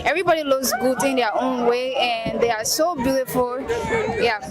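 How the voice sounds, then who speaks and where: Liberian lady designer, high voice, super loud crowd behind her. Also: moderate pace. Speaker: fashion designer. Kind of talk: interview answers. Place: outdoor fashion event. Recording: loud crowd at outdoor event.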